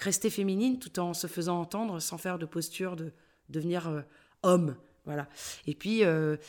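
Parisian woman, middle-aged, voice coach; animated delivery, lots of "euh" fillers, slightly low pitch. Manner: animated, many hesitations and fillers. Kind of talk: casual interview talk.

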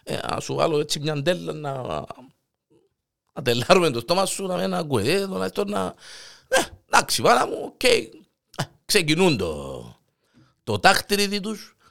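Lively Cypriot man telling a joke. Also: fairly high pitch, creaky. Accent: Cypriot Greek. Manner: lively storytelling, many hesitations.

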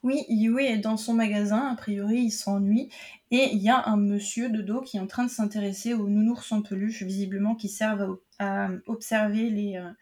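A woman's voice: medium pitch, darkish tone. A woman co-hosting a podcast, summarizing a TV episode hesitantly, with lots of fillers. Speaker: podcast co-host. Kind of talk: casual podcast recap.

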